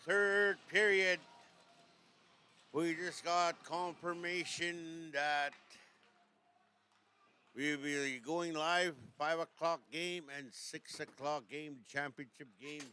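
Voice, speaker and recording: A Canadian hockey commentator speaks slowly, in unhurried asides. His voice is bright and a little high for a man. Faint arena ambience sits behind him. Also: steady tone, slight background noise. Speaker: play-by-play commentator. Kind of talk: live sports commentary.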